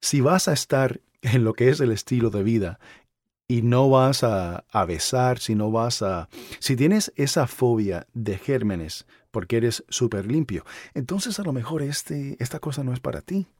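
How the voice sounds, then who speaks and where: A podcast host chats and interviews casually, with familiar, joking ease. His medium-pitched voice is expressive, unhurried, and a little mellow, captured in clean studio sound with no room reverb.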